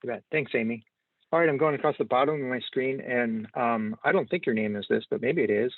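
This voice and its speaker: A man's voice: medium pitch, brisk, no echo. A man hosting introductions on a video call, brief and encouraging as he calls on each person. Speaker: host. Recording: tinny phone-like call audio.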